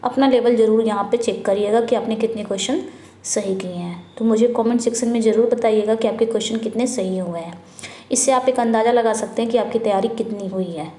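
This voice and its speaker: Echoey, higher-voiced woman teaching an exam lesson. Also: mellow. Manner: asks and answers her own questions, repeating each answer; mixes Hindi with English terms, reads questions out slowly. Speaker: English exam-prep teacher. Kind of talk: online lesson, working through a practice paper. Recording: echoey room.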